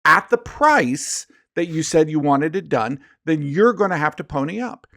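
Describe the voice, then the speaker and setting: Man, podcast co-host, casual chat, emphatic, animated pitch. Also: normal speed.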